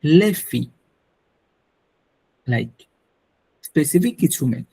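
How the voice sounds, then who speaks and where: A man teaches French online. He talks slowly, repeats each word and slips English into his explanations. His voice is dark and a little husky. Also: fairly high pitch, expressive. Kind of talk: online language lesson.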